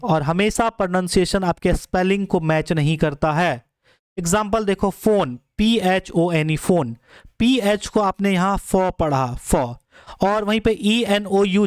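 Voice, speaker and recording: A man's voice: high-pitched, clean tone, dry recording, studio quality. A young man teaching spelling for exams, explaining step by step and spelling words out letter by letter. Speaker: exam English teacher. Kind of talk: classroom lecture.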